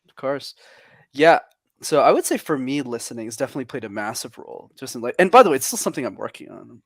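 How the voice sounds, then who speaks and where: A young man from Canada, a podcast guest, telling stories in energetic, extroverted casual chat. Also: mid-range voice, fast talker, no room sound, studio quality.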